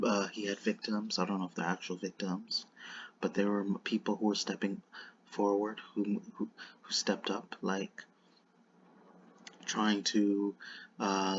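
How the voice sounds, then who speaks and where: A man speaks in a low, monotone voice, with a lisp that whistles on his s sounds. He comments off the cuff, haltingly, often repeating and restarting phrases. The microphone sound is dull and lo-fi. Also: breathy edge. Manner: halting and repetitive, circling back over phrases. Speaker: online commentator. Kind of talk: unscripted commentary.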